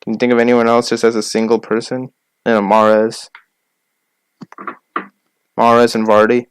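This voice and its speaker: A young man co-hosting a casual sports podcast, listing names quickly and arguing his picks. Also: mid-range voice, monotone, clean tone, no echo. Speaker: podcast co-host.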